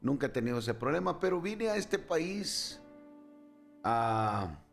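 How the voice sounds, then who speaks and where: A man from Honduras, a guest pastor, telling his personal testimony in an interview, relaxed and storytelling with asides. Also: medium pitch, takes it slowly, creaky, soft background music.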